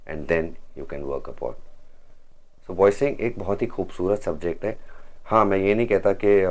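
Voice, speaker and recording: A man's voice: sits low, darkish tone. A man teaching voice-over technique in a vlog, slipping English phrases into his talk and demonstrating lines with added emphasis. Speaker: voice-over coach.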